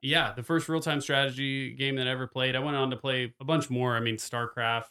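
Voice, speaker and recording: A man's voice: mid-range voice, brisk, clear, resonant tone. A man co-hosting a casual gaming podcast, talking eagerly and often repeating words as he gets going. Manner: enthusiastic, repeats words when excited. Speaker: podcast co-host. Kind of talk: casual chat.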